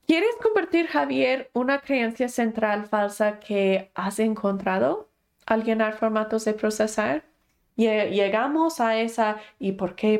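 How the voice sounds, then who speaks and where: A woman's voice: mid-range voice, a little mellow. A woman instructor giving an online class, explaining patiently and acting out inner voices.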